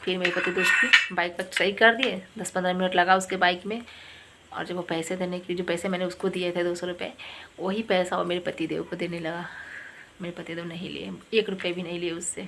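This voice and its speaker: Low-voiced woman chatting, home vlog. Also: level tone, brisk, gravelly, noisy background. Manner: chatty storytelling, retells others' words. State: has a cold. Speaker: vlogger. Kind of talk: casual home vlog chat. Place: home kitchen.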